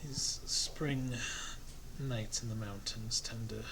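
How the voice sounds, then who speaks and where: A grumpy old man played by a male game master, an elder of a mountain monastery in a tabletop role-play. He is critical and wry, with a gentle disapproval of the young. There is clear noise behind the voice. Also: medium pitch, fairly even intonation, slow. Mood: grumpy, disapproving.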